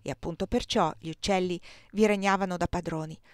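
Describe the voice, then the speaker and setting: A woman narrating a classic novel aloud with a measured, expressive reading. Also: on the low side, clean tone, no room sound, clean studio sound. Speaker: audiobook reader. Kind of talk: literary narration.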